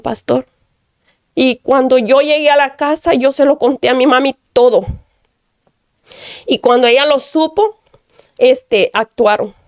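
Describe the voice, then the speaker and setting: Woman telling her story to a pastor, gravelly fry in the voice, kinda high, earnest, keeps repeating herself. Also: darkish tone, dry recording, studio quality. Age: adult. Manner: earnest, repeats phrases, often addresses the pastor. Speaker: interviewee giving a testimony. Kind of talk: emotional personal testimony.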